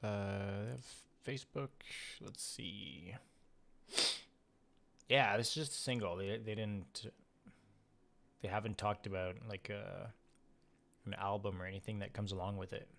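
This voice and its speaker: A man streaming live and chatting casually about songs, relaxed and rambling with lots of fillers and restarts. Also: on the low side, vocal fry, no echo. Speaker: streamer reacting to music. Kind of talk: casual livestream chat. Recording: loud music playing behind the voice.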